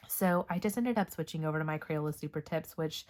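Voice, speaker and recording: A woman's voice: low-pitched, fairly quick, a little mellow. A woman with a Texas accent chatting casually about her coloring pages, rambling with lots of ums and coughing now and then while she recovers from being sick. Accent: Texan. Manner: rambling, filler-heavy with frequent ums. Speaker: coloring book vlogger. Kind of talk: casual show-and-tell chat.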